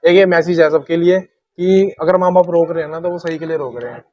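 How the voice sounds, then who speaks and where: A man's voice: on the high side, fairly quick, no echo, highs cut off. A man recounting a frightening ghost experience in casual storytelling, imitating sounds as he talks. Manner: animated retelling with sound imitations. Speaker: podcast guest.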